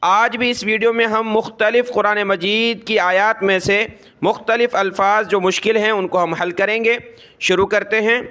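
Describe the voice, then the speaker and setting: High, bright-voiced Quran teacher. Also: male voice, fairly even intonation, smooth. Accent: Pakistani Urdu. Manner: slow drawn-out recitation of words between brisk explanations. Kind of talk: tajweed lesson, spelling out words letter by letter.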